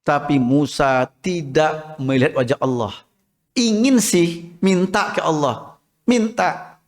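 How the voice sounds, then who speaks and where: A man's voice: fairly high pitch, slow. A man preaching a mosque sermon in a storytelling way, often asking the women listening questions and acting out quoted voices. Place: mosque hall. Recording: long reverb of a hall.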